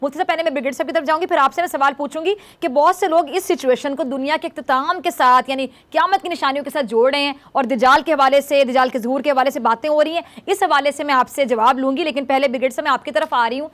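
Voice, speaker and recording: A woman's voice: sits high, quick pace, few pauses, fairly bright tone. A woman from Pakistan hosting a current-affairs TV talk show, assertive, cutting in and steering her guests.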